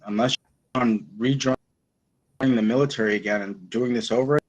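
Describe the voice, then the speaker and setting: A man calls in to a panel chat over a video link, and his audio keeps glitching and freezing mid-phrase. His voice sits in a middling pitch, and his speech comes out halting and broken up. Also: poor audio. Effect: glitching, freezing internet audio feed. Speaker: guest. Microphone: remote video call.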